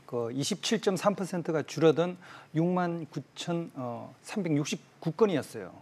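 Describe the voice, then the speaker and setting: Middle-aged male professor guest, measured, hesitant, slightly high. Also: animated, darkish tone, slightly rough. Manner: measured, many "uh" pauses. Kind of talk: news interview explanation. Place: TV studio.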